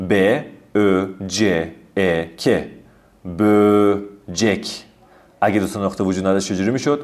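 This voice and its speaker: A man giving a recorded language lesson over slides, patiently spelling out letters and sounding out words slowly. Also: deep voice, a little mellow. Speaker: language teacher.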